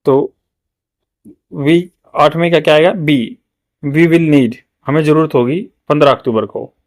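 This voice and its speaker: A man with an Indian accent teaching English grammar for exam prep, repeating words slowly to drill pronunciation. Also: on the high side.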